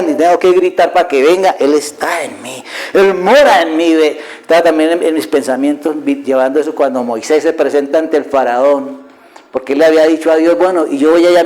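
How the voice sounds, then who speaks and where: Male preacher, middle-aged, slightly high voice, fervent sermon delivery. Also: a little mellow, low-quality recording. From Colombia. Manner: passionate, swings from raised voice to near-whispers; asks rhetorical questions.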